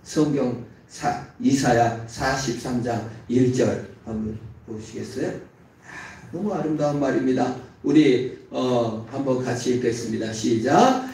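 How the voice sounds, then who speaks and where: A male pastor giving an emphatic sermon in a church, voice rising and falling sharply for stress. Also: unhurried. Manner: emphatic preaching with sharp rises in pitch and volume. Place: church sanctuary. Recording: very echoey church from far off, faint noise.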